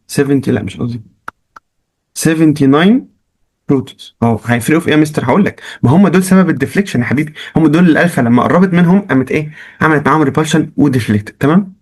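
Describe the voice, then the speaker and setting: A male chemistry teacher with an Egyptian Arabic accent, reviewing exam questions in a lively, joking way and coaxing students with questions. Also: fairly high pitch. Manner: mixes English science terms into Arabic. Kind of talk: recorded exam-review lesson.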